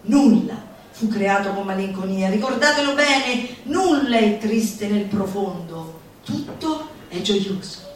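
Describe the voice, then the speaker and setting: An actress takes her time over a literary monologue, theatrically declaiming and mocking her way through a satirical manifesto and stretching words for emphasis. Her voice is mid-range and expressive. She's recorded distantly in a very echoey room, backed by music.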